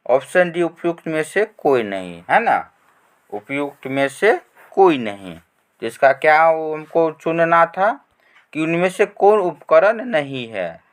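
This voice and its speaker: A male teacher, slowly reading exam questions aloud and checking in with listeners after each point. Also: on the high side. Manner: reads questions slowly, repeats phrases with tag "है ना". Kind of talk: online exam-prep lesson.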